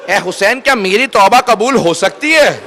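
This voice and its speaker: Very high-voiced impassioned male preacher. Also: animated, pushed and bright. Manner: impassioned, urges listeners to weep. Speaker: preacher reciting a mourning sermon. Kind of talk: emotional sermon recitation.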